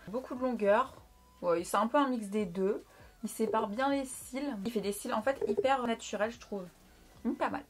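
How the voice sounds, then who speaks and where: A woman's voice: a little high, moderate pace. A young woman chatting casually through a makeup review, frank and playful, talking at close range to her camera. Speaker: beauty vlogger.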